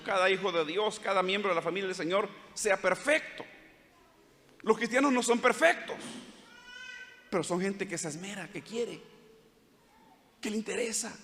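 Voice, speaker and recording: High-voiced Salvadoran pastor preaching. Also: male voice, a bit bright, long reverb tail, a little hiss or hum. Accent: Salvadoran Spanish. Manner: earnest, acts out short quoted dialogues. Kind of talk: sermon. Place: church hall.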